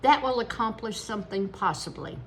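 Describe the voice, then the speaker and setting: A woman in her older years reading aloud as a good-natured one-eyed old man with a high-pitched cackle, in an emphatic, amused manner. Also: brisk, a little hiss or hum, close to an everyday voice.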